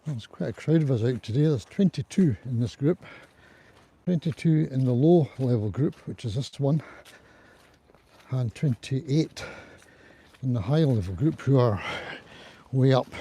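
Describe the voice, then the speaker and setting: A man with a husky voice chatting casually and ramblingly as he livestreams a walk outdoors on a small clip-on mic. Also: medium pitch, dark tone. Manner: chatty, rambling, greets viewers as he goes. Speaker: livestream host on a group walk. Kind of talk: casual live vlog chat to viewers. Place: outdoors on a riverside hiking trail in cold wind. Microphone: small DJI clip-on mic worn near the throat.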